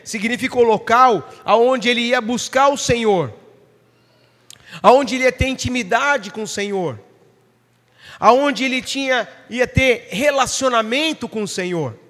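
A man's voice: very high-pitched, fairly bright tone, long reverb tail. A man preaching a sermon, emphatic and asking his listeners questions. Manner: emphatic, asks the congregation questions.

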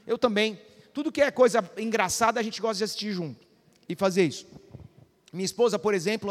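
A middle-aged man pastor preaching a conversational sermon, often asking the congregation if they follow. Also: sits high. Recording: long hall reverb.

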